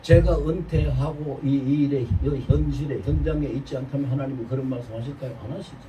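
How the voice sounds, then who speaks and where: 70대 남성 목사의 설교, 온화하고 낮은 음색. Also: male voice, mid-range voice, steady tone, brisk, dark tone. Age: 70s. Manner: confessional storytelling, earnest. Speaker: pastor. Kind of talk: sermon. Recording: distant mic, faint noise.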